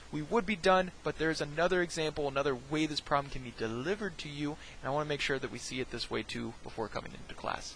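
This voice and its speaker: A man's voice: a little high, creaky, sharp tone, slight background noise, rough recording. A man teaching a recorded math lesson, talking each step through, often checking in with "right?" and dropping jokey, self-deprecating asides.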